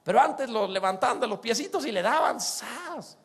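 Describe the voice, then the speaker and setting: A man preaching a sermon, animated, acting out quoted voices and swinging between loud exclamations and soft asides. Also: extremely high pitch, normal speed, gravelly, husky. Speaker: pastor.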